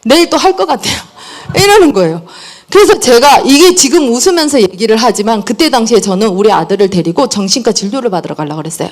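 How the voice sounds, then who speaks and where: A middle-aged woman giving a parenting lecture, telling personal stories in an animated way and acting out the dialogue. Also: fairly high pitch, quick pace.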